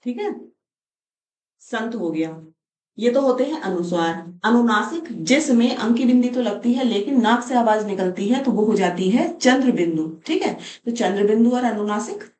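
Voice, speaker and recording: A woman's voice: a little high, animated, normal speed, a little mellow. A woman teaching Hindi pronunciation, patiently explaining each letter step by step. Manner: patient, explains step by step, often says "ठीक है". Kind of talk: blackboard lesson on pronunciation. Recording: echoey room, voice from a distance.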